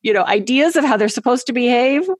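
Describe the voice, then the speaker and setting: A woman talking casually as a podcast guest, animated and chatty, often laughing as she gives parenting advice. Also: on the high side, fast, no room sound. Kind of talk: casual conversation.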